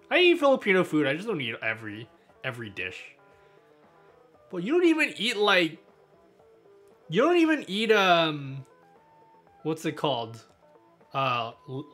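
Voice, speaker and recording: A man's voice: a little high, sharp tone. A man streaming live, chatting casually with viewers and answering their questions in a laid-back way, often laughing and trailing off mid-sentence.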